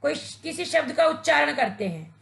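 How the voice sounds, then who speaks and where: A woman's voice: high-pitched, big pitch swings, moderate pace, creaky, a bit bright, roomy sound. A woman teacher giving a patient, instructive grammar lesson to children, addressing them directly. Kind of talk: slow, deliberate Hindi grammar lesson for children.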